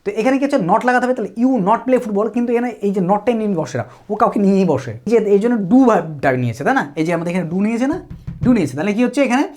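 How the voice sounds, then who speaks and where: A woman gives a spoken English lesson with an animated, lively voice that rises and falls. She explains patiently and keeps checking that her students follow. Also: mid-range voice, very fast. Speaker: English teacher.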